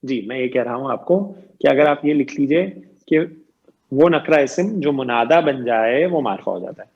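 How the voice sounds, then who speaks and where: A man's voice: medium pitch, expressive, a little mellow, husky, muffled recording. A man teaching grammar in an online lecture, explaining patiently, quizzing his students and repeating each point.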